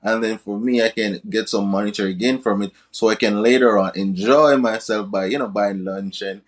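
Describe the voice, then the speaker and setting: A young Jamaican man guests on a podcast in a relaxed interview, a crypto and business coach who keeps ending sentences with "right?". His voice sits on the low side, with fairly even intonation and a moderate pace.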